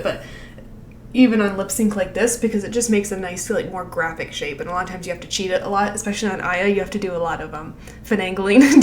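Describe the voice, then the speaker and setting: A woman's voice: medium pitch, roomy sound, a little hiss or hum. A woman giving casual animation feedback, rambling with lots of fillers and frequent laughs. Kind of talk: casual critique over a screen share.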